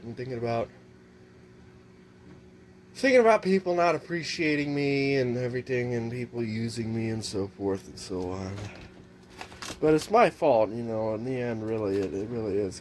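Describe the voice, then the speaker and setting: A vlogger with a nasal, mid-range, slightly mellow voice rambles through a casual monologue in his home kitchen near a microwave. He restarts often and swears casually, and there's a little hiss or hum.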